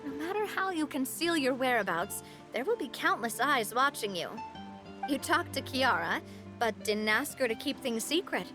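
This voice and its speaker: A woman's voice: high voice, lively intonation, moderate pace, music in the background. An actress playing a confident young woman who leads a group in a video game, talking in a breezy, self-assured way.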